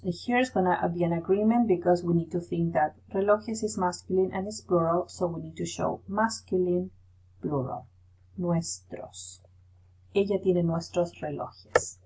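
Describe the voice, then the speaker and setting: A woman's voice: fairly low pitch, darkish tone, slightly rough, rough recording. A woman teacher giving a recorded Spanish grammar lesson, explaining patiently step by step and checking in with "right?".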